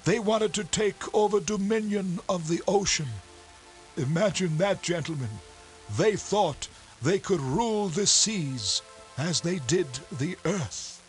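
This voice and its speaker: Guy doing a dying old sea captain, bitter, gasping, way higher than his own voice, faint music behind. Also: expressive, low-quality recording. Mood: scornful. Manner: gasping, grave, drawn-out delivery.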